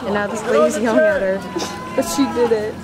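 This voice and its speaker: A young woman chatting casually and cheering friends on excitably outdoors. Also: mid-range voice, fairly quick, heavy background noise. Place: outdoors on a lake dock. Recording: loud music and crowd outdoors.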